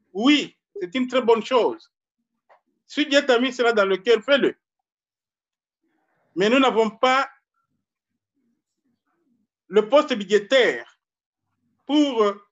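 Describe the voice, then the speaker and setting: A man from Congo, a pastor preaching a sermon slowly and deliberately, repeating his key phrases. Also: very high-pitched, fairly bright tone, dull audio.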